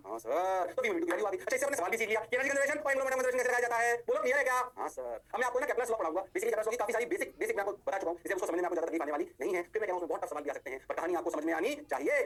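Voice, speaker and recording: Fast-talking, lively physics teacher man. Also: high voice. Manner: lively, sing-song, answers his own questions. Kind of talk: online physics lecture.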